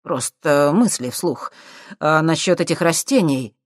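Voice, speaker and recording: A man doing a brisk, guarded official. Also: on the high side, lively intonation, dry recording, studio quality. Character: wary middle-aged male official.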